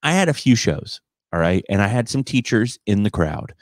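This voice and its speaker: A man's voice: on the low side, sing-song, normal speed, no echo, studio quality. A man hosting a podcast in casual chat, telling stories in a rambling, teasing way. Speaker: podcast host and stand-up comedian.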